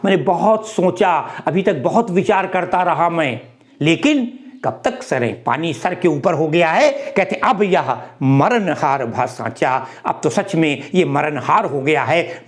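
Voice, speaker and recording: A man teaching and explaining verses of a religious epic, chanting lines slowly and then explaining them in an expressive way. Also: fairly high pitch. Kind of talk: expository lecture on verse.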